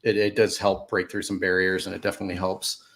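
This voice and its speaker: Hoarse male podcast host. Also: low voice, completely flat delivery, fast talker, a bit bright. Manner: encouraging, plainspoken, clears throat often. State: hoarse, losing his voice. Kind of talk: casual conversational interview.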